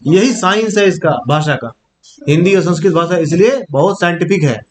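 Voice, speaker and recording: A young man, high-pitched and at a moderate pace, delivers a classroom-style lesson on Hindi grammar. He demonstrates by saying each sound aloud and keeps asking if his students are following along.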